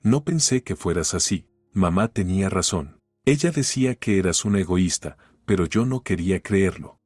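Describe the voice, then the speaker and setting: A man's voice: low voice, animated, moderate pace, darkish tone, breathy edge, no room sound, clean studio sound. A man voicing an entitled young husband who talks down coldly and with scorn, in an audiobook story reading. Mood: scornful. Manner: cold and scornful.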